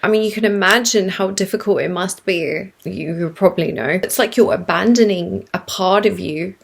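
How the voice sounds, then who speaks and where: A congested woman with croaky vocal fry, explaining self-help ideas to her viewers in a reflective way. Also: mid-range voice, normal speed. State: congested from a sinus illness. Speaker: YouTube creator.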